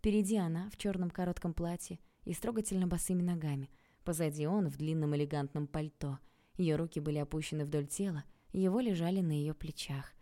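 A woman reading an audiobook aloud in a calm, even storytelling manner. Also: deep voice, a little fast. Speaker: audiobook narrator. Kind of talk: scripted narration.

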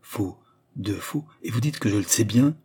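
A haughty older cardinal-prince speaks with lofty, imperious scorn, as a male reader puts him on. His voice sits low, dark and husky. The storybook delivery keeps his tone proud and commanding. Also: lively intonation, normal speed.

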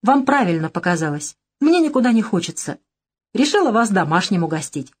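A woman reading an audiobook, voicing a lively, ironic young woman in a brisk, teasing manner. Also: medium pitch, husky. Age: young adult. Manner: brisk, teasing, bright lilt. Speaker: audiobook character.

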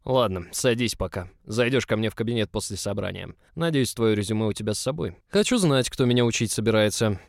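A man voicing a huge, rude male boss who talks in a gruff, mocking and loud way. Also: fairly low pitch, brisk, few pauses, no room sound, clean studio sound. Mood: brusque.

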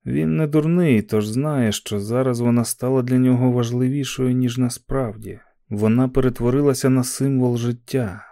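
A man narrating a novel as an audiobook, in steady, even storytelling. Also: mid-range voice, moderate pace, gravelly, few pauses.

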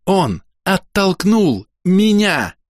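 Man voicing a fox-tailed woman, spiteful, snarling, higher voice, dry sound. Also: big pitch swings, extremely slow, dry recording, exaggerated voice. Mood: venomous. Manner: snarling, venomous.

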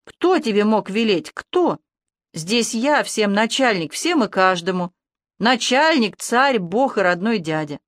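A woman's voice: medium pitch, sing-song, measured pace, no echo, clean studio sound. A woman voicing a furious, domineering middle-aged man who scolds and bosses his nephew in an audiobook. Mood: commanding. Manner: shouting, bossy, scornful.

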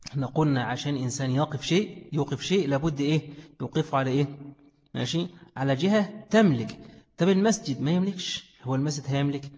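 A religious studies teacher with an Egyptian Arabic accent leads a classroom lesson, explaining a text and posing questions he then answers himself. His voice is fairly high, fast and slightly mellow. The recording sounds dull and lo-fi, with the echo of a large hall.

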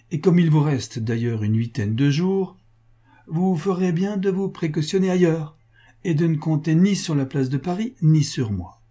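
A man's voice: fairly high pitch, mellow, voice pushed up. A man voicing a cold, sardonic wealthy creditor who speaks with false friendliness in an audiobook reading. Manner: mocking, falsely friendly, cruel.

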